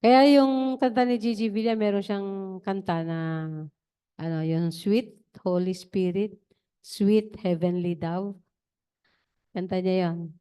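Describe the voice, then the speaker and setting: Woman preacher telling a long rambly testimony at worship, smooth clear voice. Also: mid-range voice, dark tone. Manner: digressive, chatty storytelling. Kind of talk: testimony during an online worship service.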